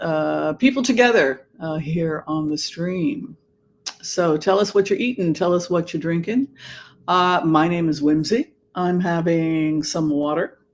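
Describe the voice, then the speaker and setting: A livestream host with a mid-pitched voice talks casually to an online audience. The delivery is camp and theatrical, with drawn-out words and halting phrases. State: allergies, occasional throat clearing. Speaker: livestream host and tarot reader. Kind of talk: casual livestream chat, greeting viewers.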